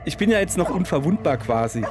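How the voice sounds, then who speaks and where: A man with a Palatinate German accent talks over a game in a slightly high voice, chatty and self-mocking as he addresses his viewers. Game music plays clearly underneath. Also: very animated, fast. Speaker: let's play host. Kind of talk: let's play commentary.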